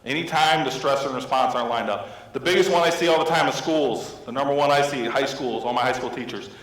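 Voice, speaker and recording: Counselor, 30s man, mid-pitched, speaking to an audience in a reverberant hall. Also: fast talker, a bit bright. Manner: storytelling, asks the audience questions. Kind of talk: talk to an audience of teachers. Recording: echoey hall with long reverb.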